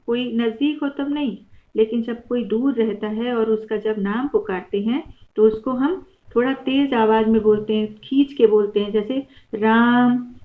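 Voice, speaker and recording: A woman teaches a grammar lesson with a patient, step-by-step manner, going over each example slowly. Her voice sits on the higher side. The recording is thin and tinny, like a phone line.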